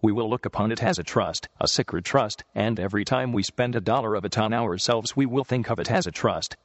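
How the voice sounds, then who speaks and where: A man voicing a gentle, proud old farm mother in a read-aloud story, speaking softly. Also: on the low side, a little fast, no room sound, big-room sound, dull audio. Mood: tender. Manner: soft-spoken.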